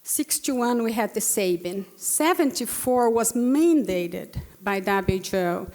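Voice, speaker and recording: Her voice is a little high, expressive and slightly mellow, and she speaks slowly. She's a woman in her sixties from Brazil with a Brazilian Portuguese accent, earnestly recounting a personal story as a panelist with fillers and restarts, captured with long hall reverb.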